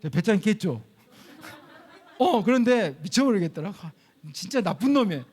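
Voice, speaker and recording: A middle-aged man with a fairly high voice preaching into a church microphone. He tells his story in an animated way, acting out each quoted line with sudden leaps in pitch. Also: moderate pace, husky. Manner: animated, acts out quoted dialogue with big pitch jumps. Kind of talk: sermon storytelling.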